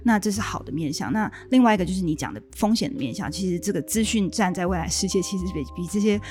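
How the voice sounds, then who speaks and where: Woman lawyer guest, low-ish voice, brisk matter-of-fact delivery. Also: expressive, a little mellow, faint music behind. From Taiwan. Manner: quick, matter-of-fact explaining. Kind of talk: casual podcast conversation.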